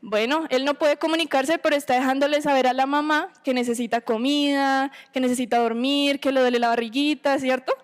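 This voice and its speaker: A woman's voice: high-pitched, steady tone, brisk, hardly any pauses. A woman giving a sermon to a women's meeting, teaching in a conversational way, asking rhetorical questions and checking in with her listeners.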